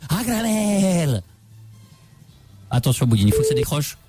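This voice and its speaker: A man hosting a late-night call-in radio show, teasing callers in a fast, playful way. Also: a little high, very animated, loud music behind the voice. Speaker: radio host.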